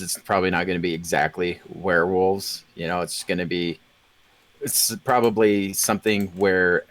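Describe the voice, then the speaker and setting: Man, very deep voice, rambling, lots of restarts, casual stream chat, dry sound. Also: no echo. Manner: rambling, many fillers and restarts. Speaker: stream guest.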